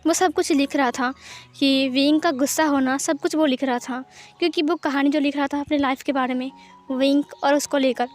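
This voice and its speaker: A woman narrating a fan story in a high, bright voice. She tells it in a plain, steady way, dropping English words into her sentences. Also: normal speed, soft background music. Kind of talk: retelling a fan story aloud.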